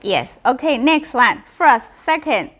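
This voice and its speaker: A woman language teacher with a Chinese accent and a fairly high voice leads beginners in practicing tones. She speaks very slowly, modelling syllables with exaggerated pitch and giving short prompts and corrections. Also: lively intonation, fairly bright tone.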